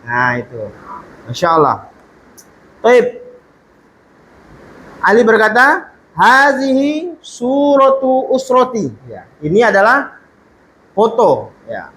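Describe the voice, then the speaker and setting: Male Arabic teacher, high voice, slow deliberate delivery, questions students, faint background noise. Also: very animated, pushed and bright, rough recording. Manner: slow, reads Arabic aloud then explains it, asks students questions. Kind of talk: classroom lesson.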